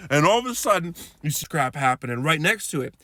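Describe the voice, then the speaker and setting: A hockey coach telling a wild story casually, excitable and animated, tripping over repeated words. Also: male voice, on the high side, quick pace.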